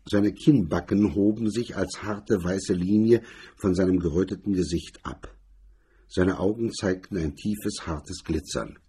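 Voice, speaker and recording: A man narrating a crime story in a measured, steady reading. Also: low voice, breathy edge.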